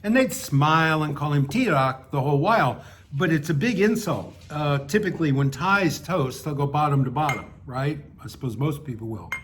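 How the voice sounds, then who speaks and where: A man's voice: a little high, normal speed, a bit bright, a little hiss or hum. A man reading his own humorous essay aloud, with a dry, wry delivery and offhand asides.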